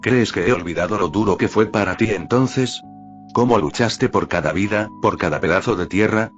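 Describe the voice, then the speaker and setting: A man's voice: lowish voice, moderate pace, close to an everyday voice. A man voicing Abel, an anxious, self-doubting grown son who speaks in a trembling way. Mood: pleading. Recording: dull lo-fi audio with faint music.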